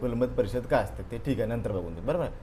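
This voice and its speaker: Rapid-fire and lively, a man with a warm, mid-range voice coaches students for an exam live, reviewing an old paper. He prods them directly and keeps saying "okay" and "बरोबर आहे," the Marathi-style fillers for "okay" and "right," with slight background noise behind him.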